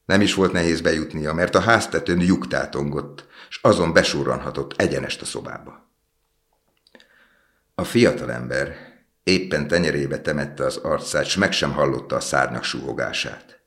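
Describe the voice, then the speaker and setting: A man narrating a fairy tale in a calm, measured way. His voice is extremely low and deep, steady from line to line, the plain register of a storyteller reading from a book.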